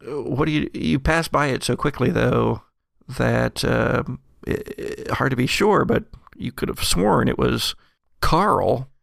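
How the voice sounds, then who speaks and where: As game master for a tabletop horror game, a man narrates haltingly and deliberately in a creaky, gravelly voice. It sits mid-range and is a bit bright, recorded to studio quality with no room sound.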